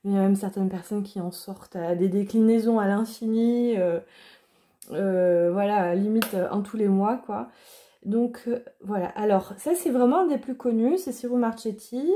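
Woman, casual deck reviewer, hesitant with fillers, mellow tone. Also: mid-range voice, normal speed. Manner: hesitant, many fillers and restarts. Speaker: card reader and deck reviewer. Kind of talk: casual chat.

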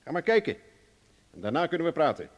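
Slightly high-pitched and sing-song, this actor's voice moves fast over a bit of background noise. In a radio drama he plays a self-assured, hard-bargaining adventurer who taunts, threatens, and commands with mocking confidence.

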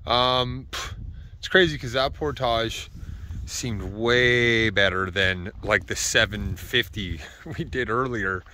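A man's voice: medium pitch, takes it slowly, bright, forceful tone, slight background noise. A man vlogging on a canoe trip, talking casually with fillers while tired, recorded outdoors on a handheld camera. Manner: easygoing, rambling, with fillers and laughs. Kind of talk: casual outdoor vlog narration. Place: outdoors on a wilderness lake and river trip.

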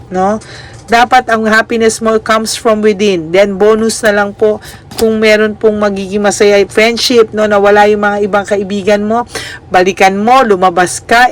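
A woman giving a tarot reading, gentle and reassuring, mixing Tagalog and English and checking in with "no?". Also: mid-range voice, slight background noise. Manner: gentle, reassuring, ends phrases with "no?"; mixes Tagalog and English, polite "po". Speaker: tarot reader.

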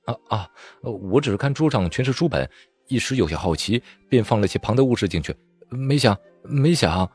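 A man voicing a playful young man of about twenty who speaks sheepishly and haltingly. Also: lowish voice, very animated, darkish tone, breathy edge, faint music behind. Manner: sheepish, hesitant.

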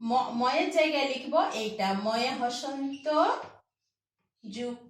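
A woman's voice: high-pitched, takes it slowly. A woman teaching recitation of a sacred verse, spelling out pronunciation patiently syllable by syllable and chanting the lines. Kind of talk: slow recitation lesson with chanting. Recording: echoey room, voice far from the mic.

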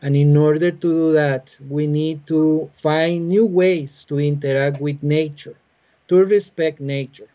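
In a home room filled with bookshelves, a Costa Rican man in his forties, a biologist and university teacher, gives explanatory interview answers in Spanish-accented English. His voice is slightly high yet soft and warm, with fairly even intonation, and he speaks patiently and haltingly with many "uh" fillers. A laptop webcam on a video call leaves the audio muffled.

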